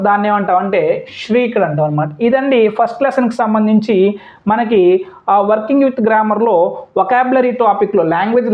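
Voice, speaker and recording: A woman teacher runs an exam-prep lesson, repeating questions and answers and mixing English words into her explanations. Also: fairly high pitch. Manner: repetitive question-and-answer drilling. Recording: dull lo-fi audio.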